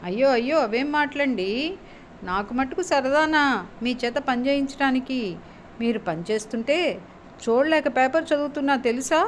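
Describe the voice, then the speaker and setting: Woman doing a sugary teasing young wife, high and sing-song, pleads like she's the wronged one. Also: normal speed, slight background noise, natural voice. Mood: coaxing, pleading. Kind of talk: storytelling, voicing characters.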